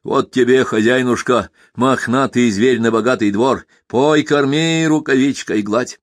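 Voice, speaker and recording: A man's voice: medium pitch, unhurried, no echo, studio quality, natural voice. A man voicing a shrewd, prosperous merchant who talks in a folksy, wheedling and sometimes stern way. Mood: coaxing.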